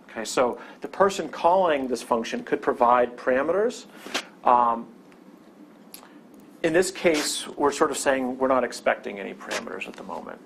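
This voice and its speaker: A man's voice: mid-range voice, vocal fry, a little hiss or hum. A man teaching a programming lesson over a screen recording, explaining step by step and often checking in with "okay?". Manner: explanatory, with many "okay?" check-ins and restarts. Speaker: programming instructor.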